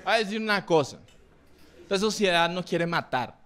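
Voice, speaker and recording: A man's voice: high voice, animated, moderate pace, a crowd in the background. A young man with a Colombian coastal accent doing a brash, profane stand-up set on a club stage. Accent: Colombian coastal Spanish. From Colombian Caribbean coast. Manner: brash, profane, acts out loud characters. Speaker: stand-up comedian. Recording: live club recording, audible noise. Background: audience laughter and room ambience.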